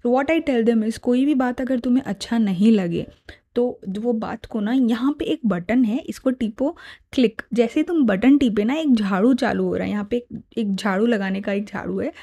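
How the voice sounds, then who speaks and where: A woman's voice: fairly high pitch, dark tone. A woman in her thirties, a mother giving parenting advice to camera in an earnest, explaining way, switching between Hindi and English, on a clip-on mic. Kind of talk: casual advice talk to camera. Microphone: lavalier mic.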